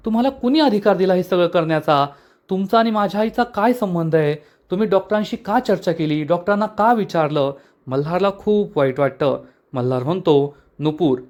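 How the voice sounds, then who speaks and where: A man's voice: a little high, darkish tone. A man narrating a recap of a television serial episode, reading every character's lines in the same narrating voice. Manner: retells dialogue of all characters in one narrating voice.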